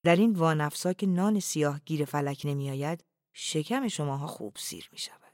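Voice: medium pitch, expressive, a little mellow, no echo, studio quality, close to an everyday voice. A reader voicing a weary, wry doctor who mutters and answers curtly. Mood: brooding.

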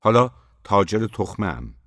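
A weary young traveler half frozen in the snow, asking anxious, pleading questions, voiced by a man reading an audiobook. The voice sits low and deep. The sound is dry and close, with no room around it. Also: sing-song, a bit bright, no room sound.

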